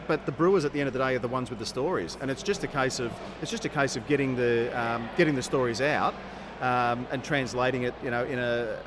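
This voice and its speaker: An Australian man co-hosting a podcast in a hesitant, wry, self-deprecating way, on a low-quality location recording. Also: noisy background. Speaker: podcast co-host. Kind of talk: casual chat. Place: above the floor of a festival hall.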